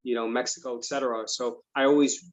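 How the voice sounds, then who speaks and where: A middle-aged man hosts an investing channel, speaking fast in a mid-range voice with a level tone. The casual interview chat is earnest and reflective, with many fillers, and the audio is dull and lo-fi.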